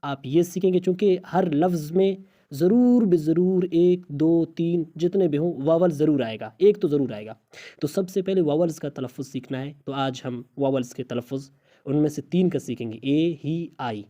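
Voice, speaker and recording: A man teaching an online lesson, explaining patiently and repeating sounds slowly one by one. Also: a little high, mellow. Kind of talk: online lesson in English pronunciation.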